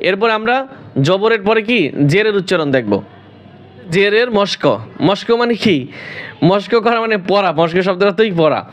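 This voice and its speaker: একজন পুরুষ কুরআন শিক্ষক, ধৈর্য নিয়ে আরবি হরফের উচ্চারণ একটা একটা করে টেনে টেনে অনুশীলন করাচ্ছেন।. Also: male voice, high-pitched, lo-fi sound. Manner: slow, drawn-out drilling of letter sounds, patient and corrective. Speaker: Quran teacher. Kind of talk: recorded recitation lesson.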